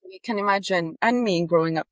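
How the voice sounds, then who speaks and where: Greek-accented woman guest, earnest and hesitant, mid pitch, dry close recording. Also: brisk, no room sound. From Greece. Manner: earnest, frequent hesitations and restarts. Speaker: guest, behavior analyst. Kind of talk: casual interview chat.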